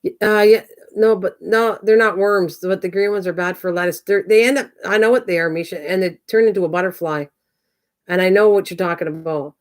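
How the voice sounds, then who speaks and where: Speaking fairly quickly in a medium pitch, a sixty-year-old craft channel host chats with her livestream viewers. She rambles and reads comments, addressing people by name.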